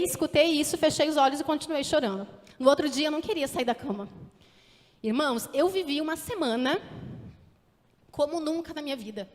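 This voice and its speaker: A Brazilian woman in her thirties, a teacher, giving an earnest sermon testimony and asking the congregation direct questions. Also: high voice. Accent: Brazilian Portuguese. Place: church hall. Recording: echoey hall with long reverb.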